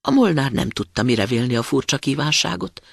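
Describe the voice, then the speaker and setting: Husky, animated fairy-tale reader. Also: medium pitch, no room sound, studio quality. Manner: dramatic, drops to a whisper at tense moments. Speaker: storyteller. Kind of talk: expressive fairy-tale reading.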